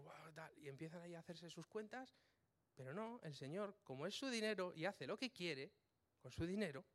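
A man's voice: sits high, a bit bright, smooth. A man giving an informal, colloquial sermon, checking in with his listeners as he goes. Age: adult with children. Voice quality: colloquial, uses "vale" often. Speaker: church speaker.

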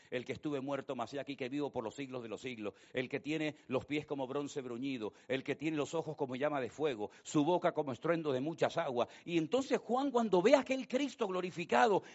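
A man preaching a sermon, telling the story with hushed and loud turns. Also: medium pitch, brisk, hardly any pauses. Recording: dull lo-fi sound.

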